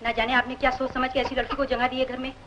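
A woman playing a proud, headstrong young married daughter, talking in a sharp, indignant, defiant way in 1960s film drama dialogue. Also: high voice, level tone, quick pace, dull audio, a little hiss or hum. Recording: film soundtrack with faint music.

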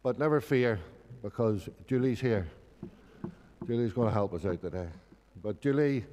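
A middle-aged man with a Northern Irish accent makes informal church announcements into a gooseneck mic at a lectern. His voice is lowish and warm, echoing in the reverberant church hall.

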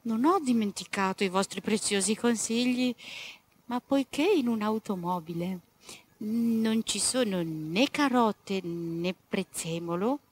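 A woman voicing a polite male rabbit reading out his own letter in a soft, hushed way. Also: mid-range voice, takes it slowly, husky. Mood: confiding.

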